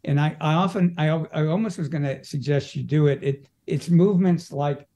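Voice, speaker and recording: A man's voice: a little high, fairly quick, dark tone. A man who works as an energy practitioner, talking as an interview guest, explaining his practice with frequent restarts. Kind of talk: casual conversational interview.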